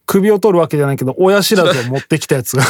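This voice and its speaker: A man's voice: a little high, animated, rapid-fire, darkish tone, no room sound. A man hosting a radio show, chatting casually and reading listener rhymes in a dry, blunt way. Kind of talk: casual podcast banter.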